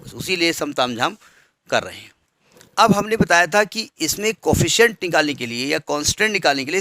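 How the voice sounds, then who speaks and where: A man's voice: a little high, bright, forceful tone, dry recording. A man teaching a maths lesson step by step, patiently asking students questions as he works. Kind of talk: blackboard maths lecture.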